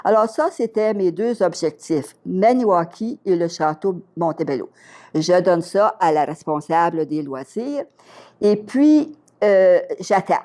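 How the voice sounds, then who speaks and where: A woman's voice: on the low side, a little slow. An older woman with a Québécois accent, a retired teacher telling a story as an interview guest and acting out the dialogue in it. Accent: Québécois French. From Quebec. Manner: lively storyteller, acts out dialogue.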